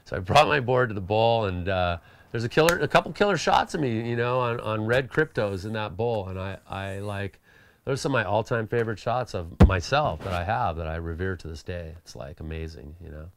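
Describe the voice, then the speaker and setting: A man's voice: lowish voice, a little fast, slight background noise. A man, a pro skateboarder, telling a casual anecdote, acting out the dialogue and filling his talk with "you know" and "like". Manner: animated, acts out quoted dialogue. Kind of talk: storytelling anecdote.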